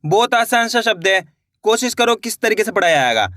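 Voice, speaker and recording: A man's voice: high voice, animated, brisk, bright, forceful tone, dry recording, clean studio sound. A man teaching an online reading lesson, sounding words out syllable by syllable and then blending them, encouraging his viewers as friends.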